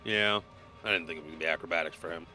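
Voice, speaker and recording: A man's voice: low-pitched, steady tone, quick pace, pushed and bright, faint music behind. A man speaking casually as the game master of a tabletop role-playing session, explaining rules and calling turns.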